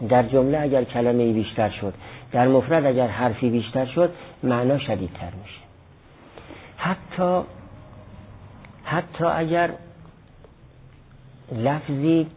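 A man's voice: medium pitch, slightly rough. A man teaching a class on Arabic grammar, explaining step by step with examples and answering students' questions. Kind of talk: classroom lecture. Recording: lo-fi phone-like recording.

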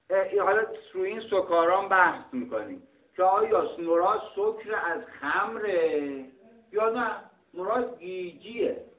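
A middle-aged man from Iran teaching a scripture lesson, arguing points and explaining word meanings, often clearing his throat. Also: high voice. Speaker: religious teacher. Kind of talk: lecture on scripture. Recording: tinny, roomy, distant mic.

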